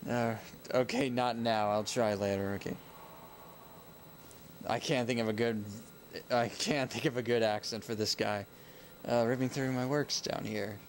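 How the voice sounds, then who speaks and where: A man's voice: mid-range voice, fairly even intonation, measured pace, pauses often. A young man giving casual commentary on a game he is playing, rambling and often correcting himself mid-sentence. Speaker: let's play gamer. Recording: home recording with noise.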